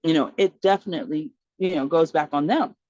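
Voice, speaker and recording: A woman's voice: low voice, fairly quick, dry recording. Woman, podcast guest, storytelling, acts out quoted voices, laughs often, muffled lo-fi audio, dry close sound. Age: adult mother of four. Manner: animated storyteller acting out quoted dialogue; frequent laughter and fillers. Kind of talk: personal storytelling in conversation.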